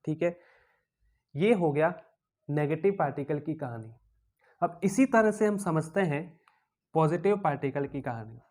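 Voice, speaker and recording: A physics teacher with an Indian accent addresses his class in a fairly high voice, a little slow and with frequent pauses. He's animated, quizzing students by repeating key terms and bringing objects to life as characters in playful stories.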